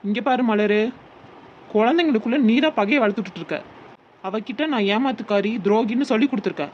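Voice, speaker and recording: A woman voicing a calm young neighbour mother with a Tirunelveli Tamil accent, speaking firmly and reasoning in a cartoon. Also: a little high, brisk, lightly acted. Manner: firm, reasoning. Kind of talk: cartoon voice acting. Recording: dull lo-fi with faint noise.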